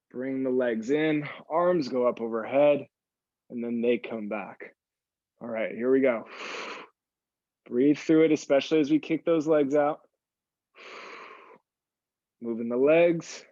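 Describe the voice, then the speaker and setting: Male fitness instructor, mid-range pitch, exerting himself as he cues and encourages a class; muffled, dry recording. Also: darkish tone, no echo. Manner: encouraging, repeats short praise to the group. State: exertion, audible sighing breaths. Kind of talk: live workout class coaching, counting down and cueing moves.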